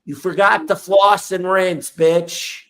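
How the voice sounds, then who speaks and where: A man's voice: high voice, steady tone, slow pace, fairly bright tone. A man hosting a podcast, delivering a profane comedic roast full of crude mocking insults. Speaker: podcast host.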